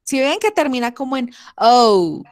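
A woman teaching English to young children on a video call, affectionate and slow in her pronunciation drills. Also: sits high, very animated, dry recording, studio quality. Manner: affectionate, calls pupils "amor". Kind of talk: online class for young children.

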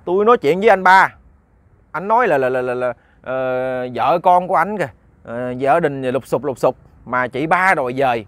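A man's voice: medium pitch, moderate pace, no echo, lightly acted. A man voicing a worried, hot-tempered old village man who pleads and stammers. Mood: alarmed. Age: older. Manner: pleading, then agitated and stammering.

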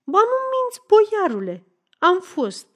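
A woman doing a shrill quarrelsome peasant woman. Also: wildly swooping pitch, fairly bright tone, exaggerated voice. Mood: defiant. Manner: shrill, protesting.

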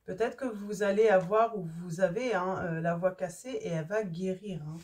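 A woman with a hoarse voice reading tarot cards for her viewers, casual and hesitant, often stopping to search for words. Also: fairly low pitch, normal speed, darkish tone, distant mic. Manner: hesitant, many fillers and restarts. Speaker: tarot reader. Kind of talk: casual card-reading video.

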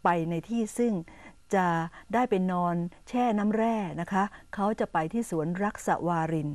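A woman hosting an educational program, patiently explaining English words to Thai viewers and repeating them slowly and clearly. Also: mid-range voice, a little mellow, no echo. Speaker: English teacher and host.

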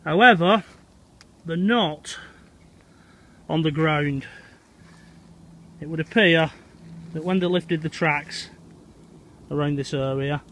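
A middle-aged man with a broad Lancashire accent talks to his viewers in an easy, chatty way as he walks through winter woodland. His voice sits slightly higher than most men's. He is filmed outdoors on a phone held at arm's length. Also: takes it slowly, long pauses, a bit bright, slight background noise. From England. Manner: chatty, addresses viewers as "Hot Potters". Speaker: vlogger exploring old railway sites. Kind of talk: walking outdoor vlog to camera. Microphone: phone camera held at arm's length.

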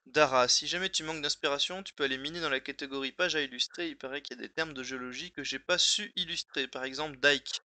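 A man's voice: a little high, fast talker, hardly any pauses, bright, forceful tone, no echo. A man on a casual live stream thinking aloud as he edits a dictionary wiki. He mutters and repeats words to himself while he works and chats to his viewers in between.

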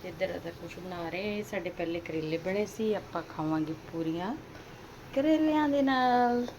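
A woman's voice: lowish voice, fairly even intonation, a little fast, lo-fi sound. A woman with a Punjabi accent chatting casually to her viewers as a home vlogger, often asking them questions as she goes. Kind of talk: casual chat to viewers while doing housework. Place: at home, partly in a kitchen while cooking. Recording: noisy home recording with household ambience.

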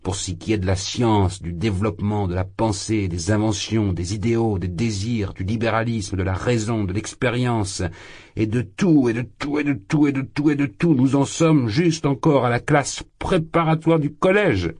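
A man reading an audiobook voices a drunk, exalted young man who rants loudly, his voice leaping high and then sinking. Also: fairly even intonation, normal speed, few pauses, lightly acted. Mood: ranting. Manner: loud, impassioned, rambling, swings high. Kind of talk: audiobook character voice.

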